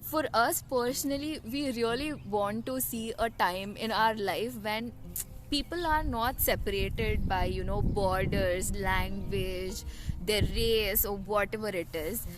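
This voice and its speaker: A woman's voice: mid-range voice, a little hiss or hum, rough recording. A woman with an Indian, Kannada-influenced accent, chatting conversationally to viewers as a vlog host without a dedicated microphone. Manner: conversational, frequent "you know" and "right" tags. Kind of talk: casual explanatory chat to viewers. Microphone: camera or phone built-in, no external mic. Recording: music behind, no dedicated microphone.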